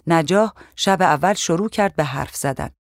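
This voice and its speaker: Audiobook narrator, first-person memoir, steady and measured, mid pitch, dry close sound. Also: no room sound.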